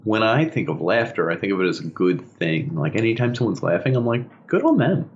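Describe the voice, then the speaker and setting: A man co-hosting a podcast in casual chat, talking in an animated way and telling stories. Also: fast talker, a little hiss or hum. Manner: animated storyteller, bursts into high laughing impressions. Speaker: podcast co-host. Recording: dull lo-fi podcast audio.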